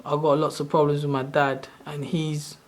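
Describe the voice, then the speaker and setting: A man in his thirties from Sri Lanka hosts his own channel and talks through a screen-share tutorial. His voice sits a little high, with a flat delivery at a moderate pace. He rambles loosely and often corrects himself along the way.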